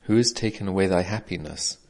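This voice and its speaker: A man's voice: deep voice, fairly quick, darkish tone. A man voicing an earnest young hero of great strength who speaks in archaic, formal words.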